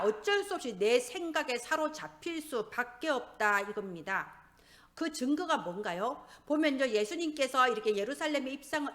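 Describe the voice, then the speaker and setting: Woman pastor, church sermon, high lively voice, rhetorical questions to the congregation. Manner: rhetorical questions, animated preaching.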